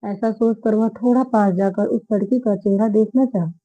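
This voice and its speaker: A woman's voice: mid-range voice, fairly even intonation, normal speed, no room sound. Woman storyteller on a tinny line. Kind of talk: reading a romance story aloud. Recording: phone-like narrow band audio.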